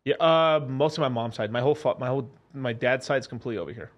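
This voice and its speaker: A young man talks quickly and loosely, his words tumbling out with restarts and the odd curse. His voice sits at an ordinary pitch for a man, energetic and unscripted, like a guest in an easygoing chat. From Mexican-American family, United States. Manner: fast, animated, swearing, frequent restarts. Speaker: podcast guest. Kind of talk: casual chat.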